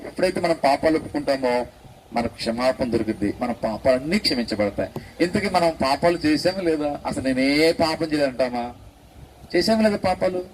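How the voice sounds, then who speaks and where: A man's voice: fairly high pitch, expressive, brisk. A man preaching to children, quizzing them with rising, calling questions and then leading them in prayer with coaxing, repeated instructions. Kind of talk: children's sermon with altar call. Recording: noisy room recording.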